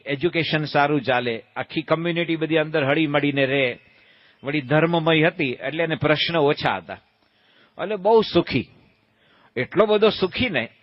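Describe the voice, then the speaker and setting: The muffled recording, free of room sound, captures a swami with a fairly high voice telling stories in a sermon. He's folksy and playful, putting questions to his audience and voicing the characters.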